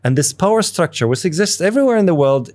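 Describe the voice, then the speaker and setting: A man raised in Dubai, hosting a podcast interview and thinking aloud about society in a relaxed, reflective way. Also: sits high, quick pace. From Dubai, UAE. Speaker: podcast host. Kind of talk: casual interview conversation.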